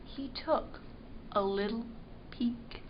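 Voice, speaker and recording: A woman librarian reads a picture book aloud for children, expressive and stopping to ask her listeners questions. Her voice is high and her pace unhurried. The recording sounds slightly dull, with a faint hiss underneath. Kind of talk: children's storytime read-aloud.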